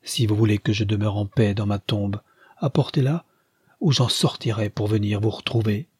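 A man's voice: fairly low pitch, steady tone, moderate pace, darkish tone, husky, dry recording, clean studio sound. A man reading the part of a dying former tragic actress who gives commanding, theatrical orders in a storybook reading.

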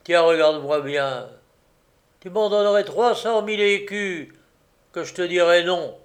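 A gruff old woodsman spits out defiant threats, as a male narrator plays him, loud and raised above his calm reading voice. His lines come out quick and hard. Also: high-pitched. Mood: furious. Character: gruff, furious poor old Polish woodsman.

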